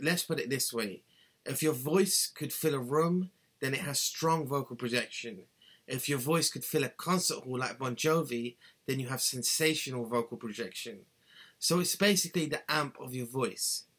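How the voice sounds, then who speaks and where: A singing tutor in his thirties gives an earnest, instructive, scripted how-to lesson to a webcam in a small, cluttered bedroom, gesturing with both hands. His mid-range voice is a bit bright.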